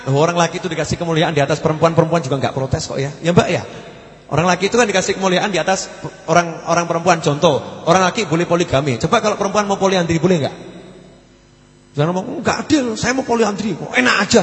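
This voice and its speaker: A man teaching in a sermon, moving between loud, rising questions and soft, low asides. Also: in a large hall. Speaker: religious teacher. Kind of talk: Islamic study sermon.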